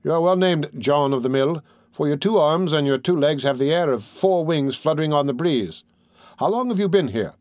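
A man's voice: fairly high pitch, animated, moderate pace, a little mellow, no room sound, studio quality, pitched above the performer's own voice, natural voice. A man doing a wry mocking student. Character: witty young male student, mocking.

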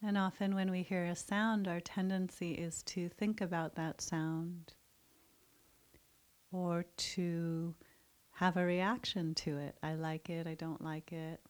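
A woman guides a mindfulness meditation in a soft, soothing voice. She speaks very slowly and leaves long pauses between phrases. Her voice sits a little low. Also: little pitch movement.

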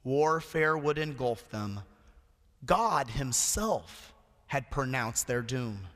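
A man preaching a solemn sermon with a hoarse, strained voice and deliberate, emphatic pauses. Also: mid-range voice, animated, fairly bright tone. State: hoarse, voice nearly lost. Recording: long echoing hall reverb.

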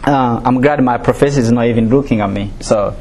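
A man from Rwanda gives a personal testimony as a student speaker. He talks haltingly, with many fillers and restarts, and sounds nervous. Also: medium pitch, darkish tone, slight background noise.

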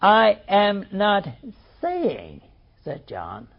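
A man delivers a sermon in a high, very lively voice, pressing hard on each key word. He moves slowly, stopping often between scripture readings. The recording sounds dull and lo-fi. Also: creaky. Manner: emphatic, reading scripture aloud with commentary. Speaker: preacher. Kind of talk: sermon, Bible teaching.

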